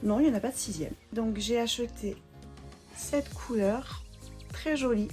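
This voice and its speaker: A woman's voice: a little high, measured pace, darkish tone, faint music behind. Chatty young woman showing beauty buys. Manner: chatty, hesitant with many fillers, enthusiastic. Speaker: beauty vlogger. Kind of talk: casual haul video chat.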